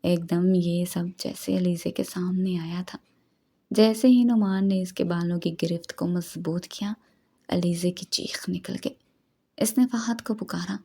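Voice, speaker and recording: A woman narrating a romance novel as an audiobook in a steady storytelling read. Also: lowish voice, measured pace, vocal fry, breathy edge.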